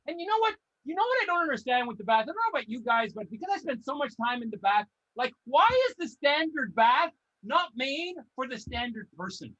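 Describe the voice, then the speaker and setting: A man's voice: very high voice, big pitch swings, a little fast, hardly any pauses, sharp tone, highs cut off. A man from Canada doing a stand-up comedy set over a video call, swearing a lot and ranting in exasperation while acting out his own exclamations.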